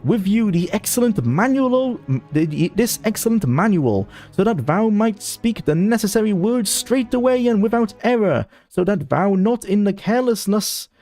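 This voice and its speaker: A man's voice: high voice, lively intonation, normal speed, few pauses, darkish tone, pitched above the performer's own voice. A man reading archaic game text in the voice of a pompous old male scholar, grandiose and stumbling over words.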